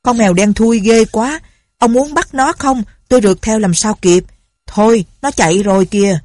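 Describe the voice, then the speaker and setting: A sly old servant speaks loudly and clearly, his voice raised higher, as a woman narrator puts him on. The tone is husky, recorded dry and close. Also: fast, no room sound, lightly acted. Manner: pointedly loud and clear. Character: sly old male servant covering for a friend.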